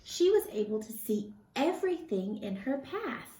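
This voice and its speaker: Slow, expressive woman reading to children. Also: a little high, roomy sound, poor audio. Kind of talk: expressive read-aloud for children.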